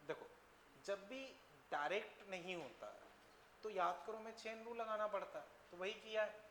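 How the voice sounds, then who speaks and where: Male physics teacher, bright tone, faint background hiss. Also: sits high. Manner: addresses students as children, asks frequent checking questions. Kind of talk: classroom lecture. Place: classroom. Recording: echoey classroom, faint noise.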